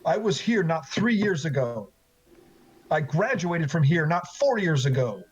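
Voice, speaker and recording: Indignant young man, voiced by a man, barely holding back anger, high-pitched, dull lo-fi audio. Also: sing-song, measured pace, breathy edge, full character voice. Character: young male former student, angry but restrained.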